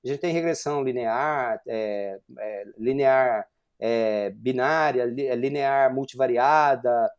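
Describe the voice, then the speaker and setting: A man's voice: medium pitch, takes it slowly, smooth. A man in his forties from Brazil giving an online university lecture, explaining step by step with frequent fillers and rhetorical questions. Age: 40s.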